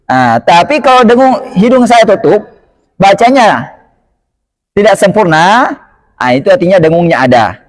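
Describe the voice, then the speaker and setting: A man teaching Quran recitation rules, slowly modelling each word several times and asking the listeners quick questions. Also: high voice, very animated. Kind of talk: tajwid lesson.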